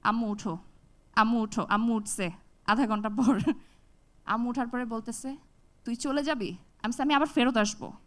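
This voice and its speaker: A young woman from Bangladesh giving a talk on stage, telling a personal story with lively acted-out dialogue. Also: fairly high pitch, normal speed, pauses often. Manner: animated, acts out dialogue with shifts in voice. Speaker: TEDx speaker.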